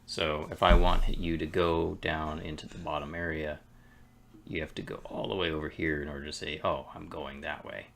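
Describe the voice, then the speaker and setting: A man streaming game development, thinking aloud in a relaxed, musing way as he works at his computer. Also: a bass voice, vocal fry. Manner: relaxed, musing, talks to himself between pauses. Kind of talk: casual thinking-aloud commentary while working.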